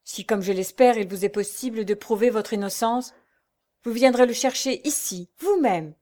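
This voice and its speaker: A woman voicing a gentle male village priest who speaks calmly and solemnly. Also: a little high, normal speed, close to an everyday voice. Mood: consoling. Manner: calm, consoling, solemn.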